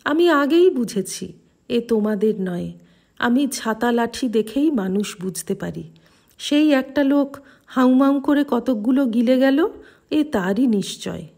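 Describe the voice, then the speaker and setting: A woman's voice: on the high side, a little slow, vocal fry, heavily acted. A woman voicing a playful old holy man. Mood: knowing. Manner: lively, affectionate, teasing. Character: playful older male holy man, teasing.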